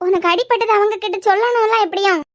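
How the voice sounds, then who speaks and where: Here a woman voices an earnest young roommate who scolds with tenderness, for a cartoon web series. Her Kanyakumari Tamil accent comes through a very high, fast voice, captured dry with clean studio sound.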